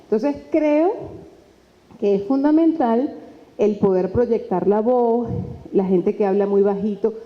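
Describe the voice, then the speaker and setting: A woman lecturer, talking lively and conversationally into a microphone and acting out quoted dialogue. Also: medium pitch, slow. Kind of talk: lecture on presentation skills. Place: lecture hall. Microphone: handheld microphone. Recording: dull sound with long hall reverb.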